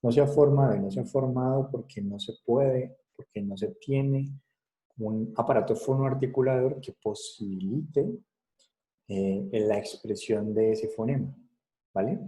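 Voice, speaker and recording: Very dark-voiced male lecturer. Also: medium pitch, measured pace, poor audio. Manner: explanatory, checks understanding with frequent tag questions. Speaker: psychology lecturer. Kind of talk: recorded class lecture.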